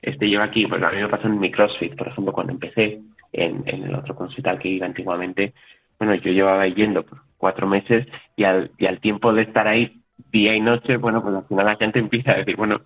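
A man's voice: low voice, flat delivery, brisk, slightly rough. A man from Spain chatting as an interview guest, talking freely with many restarts and little quoted exchanges. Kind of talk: casual interview talk. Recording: tinny phone-like line.

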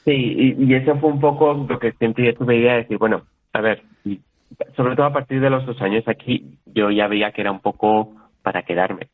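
A man's voice: medium pitch, moderate pace. Spanish man on a tinny phone line. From Spain. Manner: chatty, with frequent restarts and quoted dialogue. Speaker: interview guest. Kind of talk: casual interview talk.

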